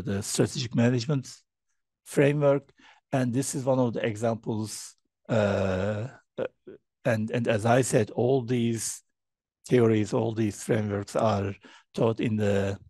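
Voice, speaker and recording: A middle-aged man presents a keynote over a video call, feeling his way through each sentence with fillers and restarts. His voice sits low and slightly husky. The sound is close and dry. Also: darkish tone, no room sound. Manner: hesitant, many fillers and repeated words. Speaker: keynote speaker. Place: indoor room, presenting remotely. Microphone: video call webcam.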